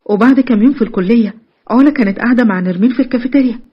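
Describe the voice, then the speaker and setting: A woman's voice: on the high side, racing, breathy edge, muffled recording. A woman with an Egyptian accent narrating a romance story. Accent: Egyptian Arabic.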